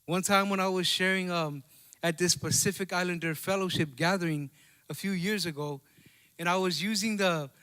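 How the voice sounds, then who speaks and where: Speaking at a normal speed, this Samoan-accented pastor has a high-pitched voice that is sharp yet smooth. His bilingual church sermon feels conversational as he checks in with the congregation through tag questions.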